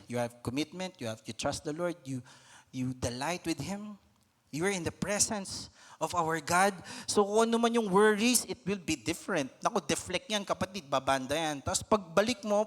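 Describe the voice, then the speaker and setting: A young man with a Filipino accent preaching a lively Taglish sermon, acting out everyday scenes in raised voices. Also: fairly high pitch. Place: church hall. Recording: long church reverb.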